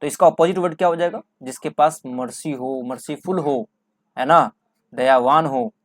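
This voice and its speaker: At a moderate pace and in a somewhat high voice, a male English teacher explains exam vocabulary, repeating key words while asking and then answering his own questions. The audio is studio quality, without any room sound.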